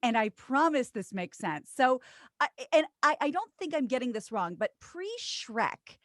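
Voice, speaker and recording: A woman in her thirties, a radio co-host and voiceover artist, chatting as a guest with self-deprecating asides in a trained low broadcast voice. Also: sing-song, measured pace, no room sound, studio quality. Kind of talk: casual interview chat.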